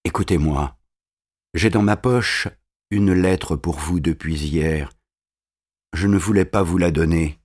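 A man voicing a dying young woman who speaks softly and tremblingly. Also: unhurried, pauses often. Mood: faint, trembling. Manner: soft, low and trembling.

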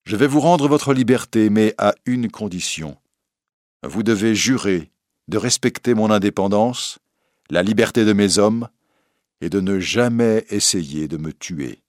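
A man's voice: fairly low pitch, expressive, measured pace, a little mellow, no echo, studio quality. A man voicing a bold, generous outlaw who speaks with confident, mocking politeness. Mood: magnanimous. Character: bold, generous male outlaw, young adult.

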